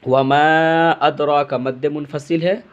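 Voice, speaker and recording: A man teaching Quran recitation, slowly chanting each verse and then quickly explaining the pronunciation rules. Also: medium pitch, steady tone, muffled recording. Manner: slow drawn-out chanting of verses, quick plain explanations between.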